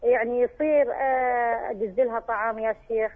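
A woman calls in to ask a religious scholar questions, speaking earnestly and pleadingly and often addressing him as sheikh. Her voice is on the high side with fairly even intonation and a fairly quick pace, coming through a tinny phone line.

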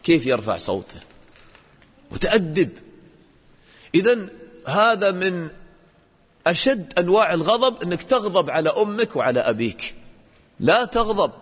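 A man teaching a religious lesson to children, questioning the class and acting out examples in an animated way. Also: sits high, normal speed, long pauses, breathy edge, long reverb tail.

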